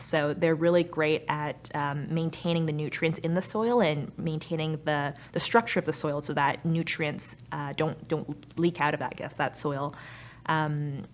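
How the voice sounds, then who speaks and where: This young woman, founder and chief executive of a startup, earnestly explains her company while answering interview questions. She grew up in Vancouver, Canada, speaks with a Canadian accent in a voice that sits low, and there is slight background noise.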